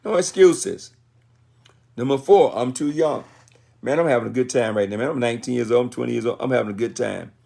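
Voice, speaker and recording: With a mellow, medium-pitched voice, some vocal fry and a slightly fast pace, a sixty-something American man gives a motivational business talk over livestream. He speaks colloquially and folksily, repeating phrases for emphasis.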